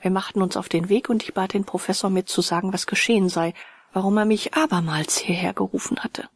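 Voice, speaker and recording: A woman narrating a dramatic story aloud, often dropping to a hushed whisper. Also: medium pitch, fairly even intonation, brisk, husky, no room sound. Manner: dramatic, shifts between hushed whisper and raised calls. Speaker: audiobook reader.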